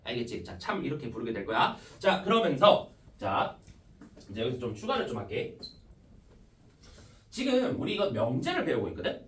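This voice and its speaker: Male math teacher, step-by-step explainer with a lively, swooping delivery, recorded from across a roomy classroom. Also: mid-range voice, moderate pace, long pauses. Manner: starts nearly every phrase with "ja", explains step by step. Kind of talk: classroom lecture. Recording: echoey classroom, mic from a distance.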